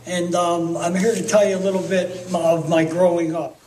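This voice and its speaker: A man in his fifties from Connecticut tells his story in a plain, reflective way. His voice sits fairly high and sounds echoey, picked up from a distance with a faint hiss behind it. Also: level tone, normal speed, darkish tone. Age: 50s. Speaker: interviewee. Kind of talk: documentary testimony.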